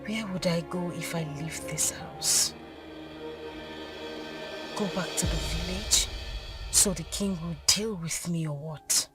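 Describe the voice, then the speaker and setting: An actress playing a distressed, cornered young pregnant woman with a Nigerian accent, pleading haltingly in a film drama. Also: on the low side, loud music behind the voice. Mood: despairing. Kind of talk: Nollywood film acting.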